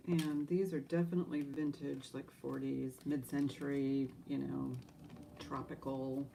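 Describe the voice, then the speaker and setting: A woman's voice: a bass voice, little pitch movement, unhurried, creaky, warm tone, slight background noise, poor audio. A woman running a live online auction as auctioneer, mixing casual, chatty patter with bid calls in an informal, rambling way.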